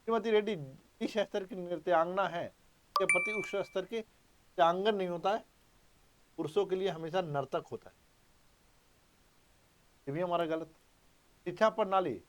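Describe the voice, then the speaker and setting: A man's voice: sits high, normal speed, long pauses. A man teaching an exam-prep grammar lesson, emphatic and repetitive, quizzing his students as he goes. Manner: emphatic, repeats key points, quizzes students.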